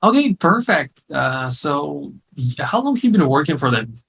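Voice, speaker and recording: A man's voice: fairly high pitch, sing-song, normal speed, creaky, fairly bright tone. A man hosting a casual online interview, upbeat and chatty, laughing easily. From came to the US in 2009. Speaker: host and course founder.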